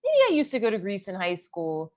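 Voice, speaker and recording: This thirty-something woman's voice is medium-pitched and a little mellow, moving a little fast with huge swings in pitch. She's livestreaming beauty content at home, doing makeup before a mirror, chatting loosely, reading out comments, and rambling with plenty of "like."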